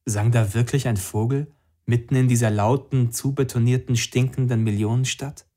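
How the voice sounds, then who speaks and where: A man reading a novel aloud in calm, measured scripted narration. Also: medium pitch. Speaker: audiobook narrator.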